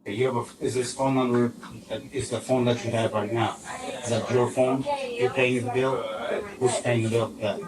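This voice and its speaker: A male police officer giving procedural, halting instructions to a suspect. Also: medium pitch, flat delivery, crowd noise. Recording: distant bodycam audio with loud room noise.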